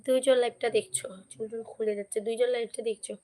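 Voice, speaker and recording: A hoarse woman hosting a casual live stream, chatting and repeatedly urging viewers to comment and subscribe. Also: a little high, level tone, fast, mellow.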